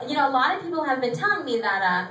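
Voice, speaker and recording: A woman's voice: high voice, big pitch swings, very fast, sharp tone. A thirty-year-old woman doing a confessional, self-mocking stand-up set, cursing freely. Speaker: stand-up comedian. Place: small theatre stage with audience laughter. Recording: echoey room recorded from a distance, noisy.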